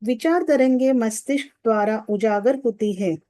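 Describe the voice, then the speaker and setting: A woman narrating a spiritual audiobook in a steady, even reading voice, recorded close to the mic in a studio booth. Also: on the high side, unhurried, no room sound.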